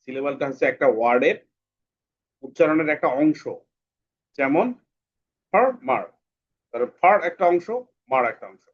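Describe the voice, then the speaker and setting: Male teacher, patient with children, repeats words slowly; somewhat high voice, muffled lo-fi audio. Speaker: English teacher. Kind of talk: online class for children. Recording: dull lo-fi sound.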